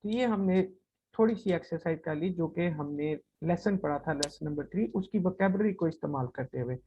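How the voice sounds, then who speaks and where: A woman teaching a recorded language lesson, repeating example words slowly and often checking in with "right?". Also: fairly low pitch, a little hiss or hum. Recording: slightly dull, lo-fi recording.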